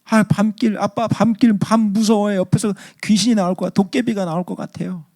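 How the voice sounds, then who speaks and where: A man's voice: high-pitched, steady tone, fairly quick, darkish tone, no echo, clean studio sound, pitched above the performer's own voice. A male pastor voicing a small child whining that the night road is scary. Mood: scared. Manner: whiny, fearful. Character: small child scared of the dark.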